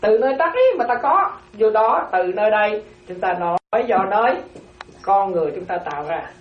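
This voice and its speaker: A woman's voice: mid-range voice, lively intonation, fairly quick, lo-fi sound, a little hiss or hum. A Buddhist nun giving a dharma talk, repeating key phrases and often asking whether her listeners follow. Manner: keeps checking listeners follow with repeated questions. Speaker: Buddhist nun teaching a class. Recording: roomy, distant mic.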